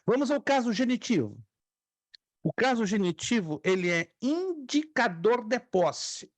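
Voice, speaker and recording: A man's voice: very high voice, very animated, measured pace, no room sound. A man teaching a theology class as a pastor, patiently drilling Greek pronunciation and repeating key points. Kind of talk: online Greek lesson.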